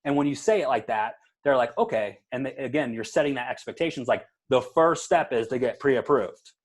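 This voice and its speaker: A man's voice: medium pitch, expressive, brisk. A man running a casual real estate training over a video call, talking in a loose, coaching way and acting out conversations with clients. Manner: conversational, coaching, acts out client dialogue, many fillers.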